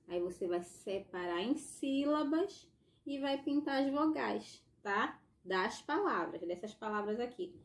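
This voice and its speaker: A woman's voice: mid-range voice, a little hiss or hum. Patient Brazilian woman teaching young children. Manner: patient and explanatory, tagging sentences with "tá?" and "ó". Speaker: primary school teacher. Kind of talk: recorded remote lesson for young children.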